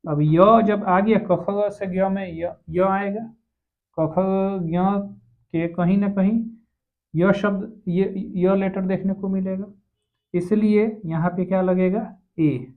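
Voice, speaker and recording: A man teaching an English grammar lesson, explaining slowly and asking rhetorical questions. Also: high-pitched, fairly even intonation. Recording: tinny phone-like sound.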